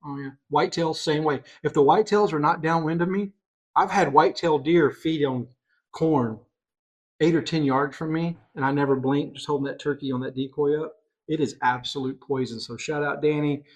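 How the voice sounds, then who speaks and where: A middle-aged man hosting a podcast, telling a hunting story in casual chat, excitable and animated. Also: a little high, normal speed. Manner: excitable, animated storyteller, voices others in quotes. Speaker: podcast host.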